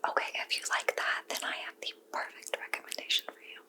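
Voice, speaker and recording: A woman doing a whispered role-play as a helpful librarian, speaking in a soft, gentle library whisper with halting phrasing. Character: helpful goth librarian recommending books. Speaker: librarian in a point-of-view roleplay.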